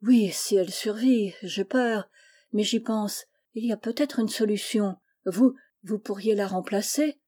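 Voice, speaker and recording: A woman's voice: medium pitch, a little slow, warm tone, close to an everyday voice. A woman reading as an anxious lady mouse grader. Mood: worried. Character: worried woman who grades lab mice.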